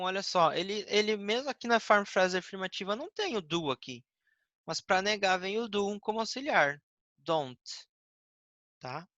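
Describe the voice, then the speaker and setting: Brazilian male English teacher, bright tone, dry close sound, patient step-by-step explainer. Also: high voice, no echo, lo-fi sound. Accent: Brazilian Portuguese. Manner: explains patiently, ends phrases with "tá?" and "né?", reads English examples slowly. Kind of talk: recorded grammar lesson.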